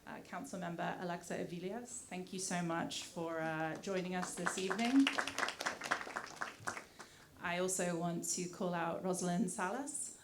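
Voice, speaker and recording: A woman raised in the UK, whose accent blends British with some American, speaks to a community meeting as its director of community affairs. Her voice is lowish and her speed normal, with background noise; her prepared remarks are polite and grateful, peppered with "uh."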